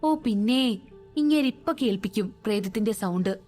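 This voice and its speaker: A woman's voice: sits high, sing-song, moderate pace, a little mellow, soft background music. A woman voicing a skeptical young man who mutters scornfully under his breath, in a storybook reading. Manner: whispering scornfully.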